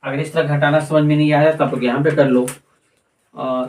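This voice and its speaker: A male math teacher works through a problem step by step, counting digits aloud and asking himself questions that he answers at once. His voice sits a little high. The sound is roomy and echoing, with the mic some distance away. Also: level tone, normal speed, a little mellow. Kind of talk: step-by-step classroom math lesson.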